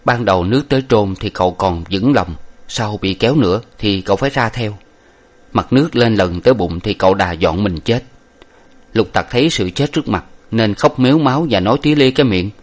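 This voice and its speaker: A man reading an old novel aloud in a measured, steady way. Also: lowish voice. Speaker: narrator.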